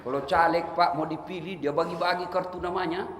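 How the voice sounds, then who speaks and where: A man preaching a humorous sermon, joking and animated with bursts of loud emphasis. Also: a little high, fairly quick, slight background noise. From South Sulawesi, Indonesia. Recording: echoey hall with long reverb.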